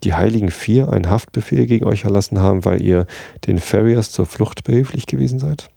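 Fearful frontier settler, urgent warnings, read by a man, dark dry voice. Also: lowish voice, a little fast, gravelly, no room sound. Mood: anxious.

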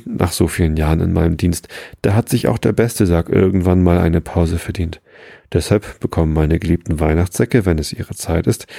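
Man reading as a deep, jovial old Santa Claus. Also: creaky, no room sound, studio quality. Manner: jovial, warmly explaining. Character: jolly old male Santa Claus, cheerful and kindly. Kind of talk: storybook reading.

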